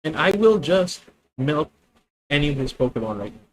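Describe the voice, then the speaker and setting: A man's voice: fairly high pitch, very animated, moderate pace, low-quality recording. A man with a Filipino accent thinking aloud as he plays a card game on stream, chatting with viewers. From Philippines. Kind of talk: live card game commentary.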